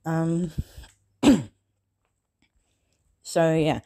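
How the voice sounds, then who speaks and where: Slow, halting fan-story narrator. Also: medium pitch, vocal fry, warm tone. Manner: halting, many fillers and self-corrections. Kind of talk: casual spoken story retelling.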